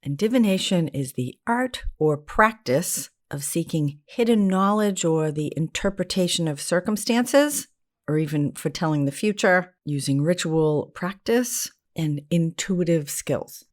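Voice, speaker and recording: This New England woman, a therapist and spiritual teacher, speaks a little slowly in an expressive, lowish voice. Hosting her solo American podcast, she's conversational, candid, self-deprecating and informal.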